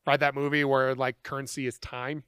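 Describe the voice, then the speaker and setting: A young man on a casual podcast who rambles loudly and works himself into mock outrage. His voice sits at a middle pitch and is recorded close and dry, with no room sound. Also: level tone, a little fast, clear, resonant tone, no echo. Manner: loud, rambling, exaggerated outrage. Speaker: podcast co-host. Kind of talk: casual chat.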